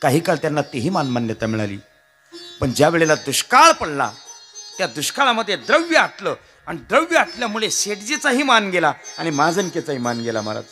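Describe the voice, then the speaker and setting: A man's voice: fairly high pitch, bright, forceful tone. A man with a Marathi accent preaching a devotional kirtan, telling stories, joking with the crowd and calling on listeners to answer back. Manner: calls out to the audience and has them answer back; addresses listeners as maharaj, jokes with the crowd. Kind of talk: devotional storytelling sermon.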